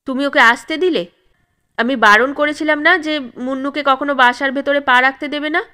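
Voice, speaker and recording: A woman's voice: sits high, normal speed, pushed and bright. A woman voicing an angry, suspicious husband who scolds his wife in a raised, accusing voice. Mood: angry scolding.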